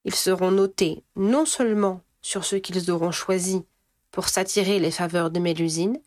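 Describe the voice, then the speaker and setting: A woman's voice: on the low side, steady tone, moderate pace, darkish tone, no room sound, natural voice. A woman reading aloud voices a grand headmistress who makes a formal announcement in a chanting, stately way. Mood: solemn.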